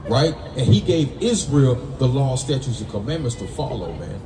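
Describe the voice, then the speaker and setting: Animated and medium-pitched, this American man leads call-and-response Bible teaching on the street at a normal pace. He's emphatic and casual, tossing in "right?" and "man." People's noise fills the roomy, distant recording.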